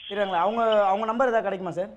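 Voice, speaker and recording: A man with a high, bright voice rattles off a slick sales pitch at breakneck speed as he pranks someone over the phone. His sits over a faint hiss of noise. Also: fairly even intonation, racing, dull audio. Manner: smooth salesman patter, apologetic later. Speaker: prank caller, show co-host. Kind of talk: prank phone call, then casual chat.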